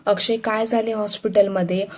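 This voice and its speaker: A woman's voice: mid-range voice, flat delivery, normal speed, a little mellow, natural voice. A woman voicing a concerned middle-aged father, read plainly in a storybook manner. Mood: matter-of-fact.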